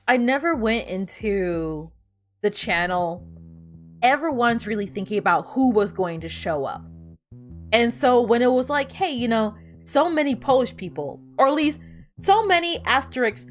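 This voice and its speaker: This streamer's voice is on the high side and a bit bright. A woman whose first language is Spanish, she chats casually with viewers as she plays, rambling and repeatedly restarting her sentences.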